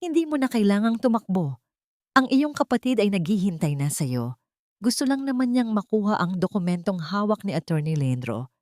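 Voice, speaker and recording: A woman's voice: medium pitch, animated, normal speed, darkish tone, dry recording, studio quality, natural voice. A woman voicing a cold male gunman who taunts in a mocking tone. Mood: taunting.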